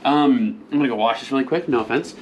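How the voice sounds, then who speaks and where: A man's voice: mid-range voice, fast, highs cut off, noisy background. Tipsy man joking through a cooking demo. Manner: crude deadpan jokes, rambling asides. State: a little tipsy, slurring slightly. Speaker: cooking show host.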